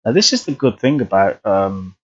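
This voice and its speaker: A man's voice: on the low side, sing-song, moderate pace, dull audio. A man chatting casually and rambling through live flight sim commentary, often restarting his sentences. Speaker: streamer.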